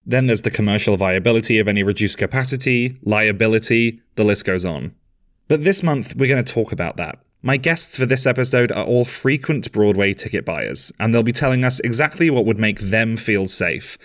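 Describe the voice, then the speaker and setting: A man hosting a podcast, reading scripted narration in a measured, explanatory way. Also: fairly low pitch, animated. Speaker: podcast host.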